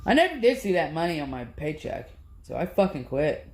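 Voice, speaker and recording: In an echoey room, a man with a somewhat high, sing-song, brisk voice and a darkish tone records a vlog. His casual monologue rambles as he rants about everything bothering him, swearing all the time and sounding aggrieved.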